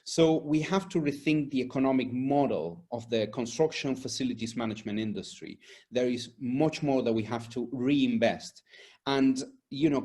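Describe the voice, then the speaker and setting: An earnest environmental and safety consultant, a native Spanish speaker from Argentina and Spain, answers interview questions conversationally. His voice is medium-pitched and a little mellow.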